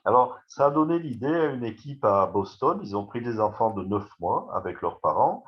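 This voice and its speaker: This man, a neurologist, speaks at normal speed in an informal webinar, conversational and direct with listeners, stumbling through restarts and fillers. His mid-range voice swings widely in pitch, and the sound quality is lo-fi.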